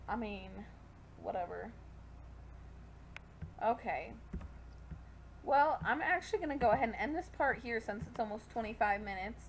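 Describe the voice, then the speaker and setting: Young woman, fairly high voice, casual gameplay chatter, talks at her characters, faint room hum. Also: lively intonation, moderate pace, long pauses. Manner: chatty, talking to the game characters. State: pregnant, hot. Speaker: gaming video creator.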